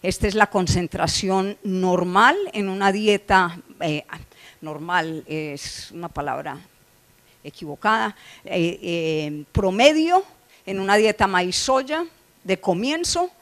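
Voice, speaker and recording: In a conference hall, a middle-aged woman from Colombia talks through slides on poultry nutrition, often saying "eh" and restarting. She has a Colombian Spanish accent, a medium-pitched, fairly bright voice, and takes it slowly.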